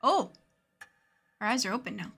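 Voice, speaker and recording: A woman's voice: lowish voice, level tone, moderate pace, vocal fry. A woman playing a horror visual novel, reading the narration aloud in a dramatic way. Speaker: game player reading aloud. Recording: faint music behind the voice.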